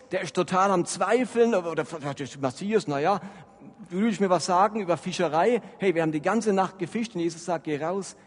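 A man preaching a sermon with a high, ringing voice and lively, emphatic delivery. His words trail off into the long reverb of a big hall. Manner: animated, emphatic preaching with frequent rises in loudness. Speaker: pastor.

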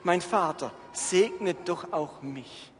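A man's voice: high-pitched, slow, a little hiss or hum. A man voicing a grieving adult son who begs his father, reading in a pleading, raised voice in an echoey hall. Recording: echoey hall, faint ambience.

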